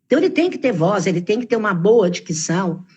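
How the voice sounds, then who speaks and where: An older woman speaking Brazilian Portuguese with a slightly husky voice. She is a guest on a live video call, talking casually about her work in ceremonial protocol. She tells her stories with energy and acts out what people said. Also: medium pitch, fast talker. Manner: animated storyteller, acts out quoted exclamations. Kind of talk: casual live-stream interview.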